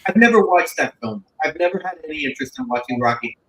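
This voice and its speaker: A man in his thirties, co-hosting a podcast in casual chat, animated and often stumbling over and repeating his words. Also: fairly high pitch, fast talker, rough recording. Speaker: podcast co-host.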